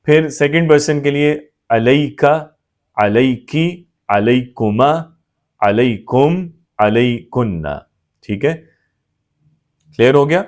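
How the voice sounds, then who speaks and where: A man's voice: mid-range voice, darkish tone. A man teaching Arabic grammar, patiently repeating each form and often checking that the class has understood. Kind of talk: explanatory grammar lesson.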